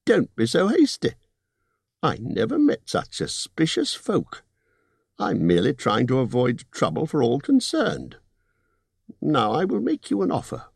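A man voicing a fussy, polite male hobbit burglar who talks in a businesslike, slightly squeaky way. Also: wildly swooping pitch, unhurried, gravelly, husky, no room sound, clean studio sound, full character voice. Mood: earnest.

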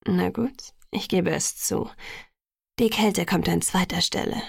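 A woman voicing a gentle, restrained young male vampire in a calm, tender whispered role-play. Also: on the low side, unhurried, creaky, slightly rough, no echo, clean studio sound, heavily acted. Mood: calm teasing.

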